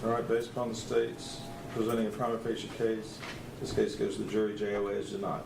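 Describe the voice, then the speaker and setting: A man presiding as judge, giving brisk procedural rulings, heard in a courtroom recording. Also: lowish voice, monotone, vocal fry. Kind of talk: presiding over a trial. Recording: distant echoey courtroom audio with loud room noise.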